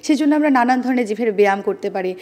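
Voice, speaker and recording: A woman guest in an interview, explaining how to pronounce words, with careful, precise diction and a measured, deliberate delivery. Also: on the high side, a little mellow. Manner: careful, precise standard pronunciation, demonstrating sounds. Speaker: interview guest on speech and pronunciation.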